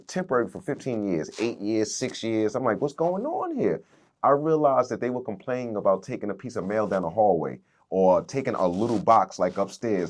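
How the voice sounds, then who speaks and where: Animated man telling his story. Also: mid-range voice. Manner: animated storyteller, swings loud and soft, repeats "man" and "dude". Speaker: guest. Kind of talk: storytelling in a casual interview.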